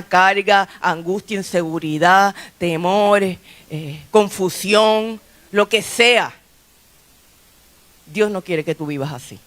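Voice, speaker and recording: Woman pastor, conversational sermon, frequent restarts, mid-range pitch. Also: fairly bright tone. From Puerto Rico. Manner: conversational preaching with frequent restarts and light laughs. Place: church sanctuary.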